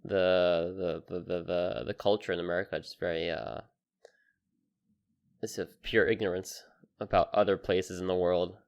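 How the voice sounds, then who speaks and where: A man's voice: deep voice, level tone, moderate pace, creaky, smooth, dull audio. A young man co-hosting a casual podcast chat, speaking hesitantly and laughing often. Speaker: podcast co-host.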